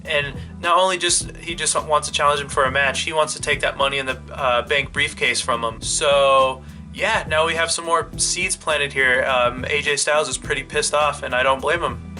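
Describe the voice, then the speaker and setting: A man's voice: fairly high pitch, fairly even intonation, normal speed, few pauses, pushed and bright, soft background music. A man hosting his own channel, chatting loosely through a wrestling storyline idea, full of "you know" and "like". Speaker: wrestling fan channel host. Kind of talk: casual fantasy-booking monologue.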